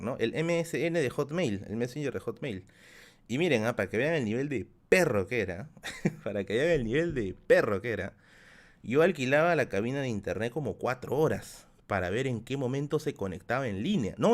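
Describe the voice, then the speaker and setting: A man's voice: medium pitch, very animated, brisk. A man in his thirties with a Peruvian accent, telling a rambling story to his live chat as a streamer host, repeating phrases and laughing often. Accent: Peruvian Spanish. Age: 30s.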